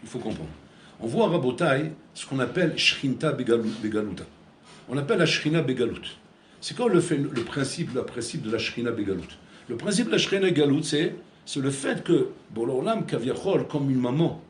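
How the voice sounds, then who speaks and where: A man giving a Torah class as a rabbi, talking in a conversational way, repeating words and mixing in Hebrew terms. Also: a little high. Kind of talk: sermon. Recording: echoey room with faint ambient noise.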